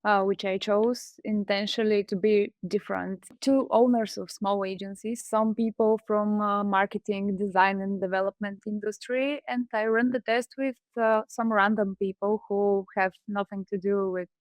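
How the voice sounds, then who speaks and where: A woman's voice: mid-range voice, steady tone, moderate pace, few pauses, no room sound, studio quality. A woman from Bulgaria who co-founded a startup, presenting in a webinar in a hesitant way with frequent fillers.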